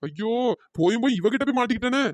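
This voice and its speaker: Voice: mid-range voice, lively intonation, very fast, no echo, lightly acted. A performer voicing a scared cheating husband in a cartoon, panicky and wailing. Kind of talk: cartoon comedy voice acting.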